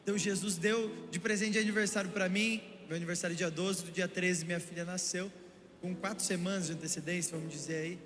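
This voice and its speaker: A young man with a Brazilian Portuguese accent preaching a sermon, telling lively stories and speaking straight to the congregation. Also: high voice, fast talker, a little hiss or hum. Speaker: pastor. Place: church hall. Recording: echoey church hall with music.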